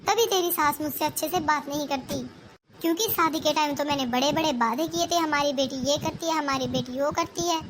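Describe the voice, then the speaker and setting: Woman voicing an older cartoon mother-in-law, lectures hard, very high-pitched. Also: brisk, fairly bright tone, slight background noise. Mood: lecturing. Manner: scolding, lecturing. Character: older scolding mother-in-law, sharp-tongued but fair. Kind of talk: cartoon voice acting.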